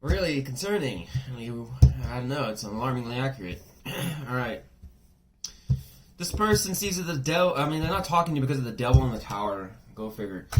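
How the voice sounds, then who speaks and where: A man with a medium-pitched voice gives a casual tarot reading, chatty and blunt, swearing freely and wandering into asides. He sounds a bit worn and hoarse, like he's under the weather.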